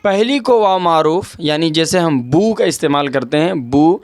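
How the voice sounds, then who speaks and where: A man's voice: fairly high pitch, expressive, no room sound. A man teaching an Urdu grammar lesson. He explains patiently, repeats key words and checks in with the listener. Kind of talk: explaining a lesson over an on-screen document.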